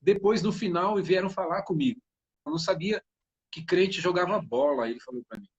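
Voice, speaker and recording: A man's voice: sits high, a little fast, husky, dull audio. A man co-hosting a casual live-stream chat, telling funny anecdotes and laughing as he speaks. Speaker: co-host.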